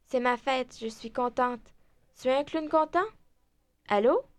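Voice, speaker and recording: A woman voicing a cheerful young girl planning her birthday party, in a slow, clear scripted language-lesson dialogue. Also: high-pitched. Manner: slow, clear, deliberate speech.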